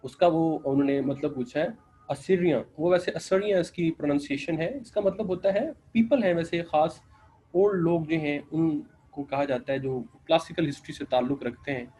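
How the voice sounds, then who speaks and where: A man's voice: fairly high pitch, moderate pace, mellow, rough recording. A man with a Pakistani accent teaching an English literature lecture online, explaining patiently, slipping into English and leaning on filler phrases.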